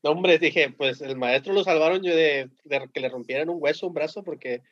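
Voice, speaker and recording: A Mexican man with a fairly high voice tells school stories in loose slang. He tells them with lively energy and laughs often. The sound is dull and lo-fi. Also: normal speed. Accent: Mexican Spanish. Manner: animated, slangy, laughing storyteller. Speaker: teacher. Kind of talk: casual podcast storytelling.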